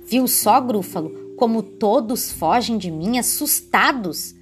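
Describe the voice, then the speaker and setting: A woman's voice: a little high, animated, faint music behind. A woman doing a clever boastful little mouse. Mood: sly proud. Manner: quick-witted, proud storybook voice.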